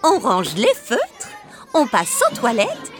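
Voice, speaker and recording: A woman doing a storybook schoolteacher, high and coaxing, lively sing-song lilt, faint music behind. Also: slow, heavily acted. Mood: cheerful. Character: cheerful female schoolteacher calling children.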